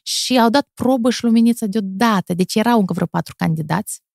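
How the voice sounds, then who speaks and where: A woman in her thirties, a TV presenter with a Moldovan Romanian accent, telling stories in a lively way with quick laughs and animated pitch jumps. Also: vocal fry, no room sound, clean studio sound. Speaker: TV presenter, podcast guest. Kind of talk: casual chat.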